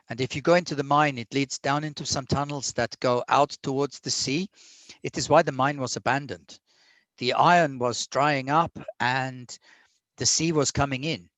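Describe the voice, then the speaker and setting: An earnest, anxious thirteen-year-old village boy from a Viking tale, played by a man at the game table. He is deferential and eager to help, in a mid-pitched voice recorded close and dry. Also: a bit bright, no echo, natural voice. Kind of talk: tabletop role-play.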